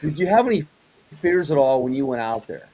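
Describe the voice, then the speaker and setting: A man's voice: medium pitch, sing-song, fairly quick, mellow, a little hiss or hum, low-quality recording. A man hosting a casual interview, rambling a little, often repeating words and restarting his questions. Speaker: host.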